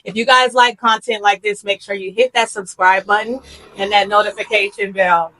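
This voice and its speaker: A woman's voice: mid-range voice, steady tone, moderate pace, fairly bright tone, rough recording. A woman hosting a casual interview, asking friendly questions and giving many short affirmations. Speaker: host and interviewer.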